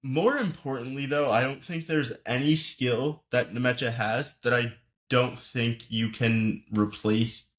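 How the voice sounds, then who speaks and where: A man's voice: medium pitch, a little slow. Joking man co-hosting a podcast. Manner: joking, blunt. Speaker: podcast co-host. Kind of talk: casual chat.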